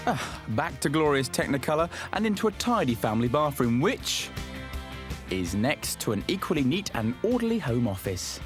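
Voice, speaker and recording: A man's voice: mid-range voice, sing-song, moderate pace, over music. A man presenting a property show, touring a house and narrating with playful puns and theatrical asides.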